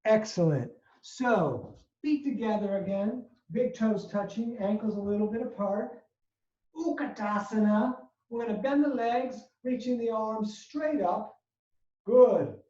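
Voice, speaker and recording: A yoga teacher with a mellow, soft-edged voice talks a class through each pose and breath in short, steady cues. The sound is dull and lo-fi, picked up from a distance in an echoey studio room. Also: mid-range voice, a little slow. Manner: steady step-by-step cueing of poses and breath. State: a little out of breath. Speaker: yoga instructor. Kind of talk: live yoga class instruction. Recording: dull, roomy sound from far off.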